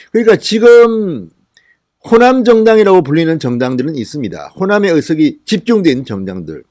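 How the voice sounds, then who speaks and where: Indignant male political commentator, lively pitch. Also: no room sound, studio quality. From Gyeongsang region, South Korea. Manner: indignant, rhetorical questions, emphatic.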